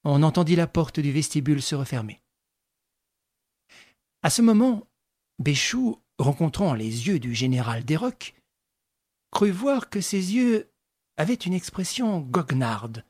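Male narrator for a classic novel, steady measured delivery, slightly high pitch. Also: no echo, studio quality. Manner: measured, even storytelling reading. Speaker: audiobook narrator. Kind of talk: scripted narration.

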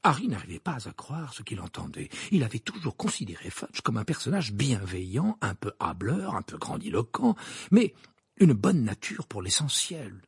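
A man narrating a storybook in an expressive, animated reading. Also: mid-range voice, moderate pace, creaky, slightly rough, no echo, clean studio sound. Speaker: audiobook narrator. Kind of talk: scripted narration.

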